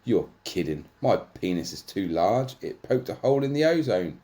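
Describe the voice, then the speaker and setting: A man putting on a smug, gloating warrior type with a put-on New Zealand accent and a deep voice, talking big and theatrical. The tone is boastful rather than menacing, and it is read aloud in a comic storybook style. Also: very animated, normal speed, warm tone. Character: smug male warrior with a huge weapon.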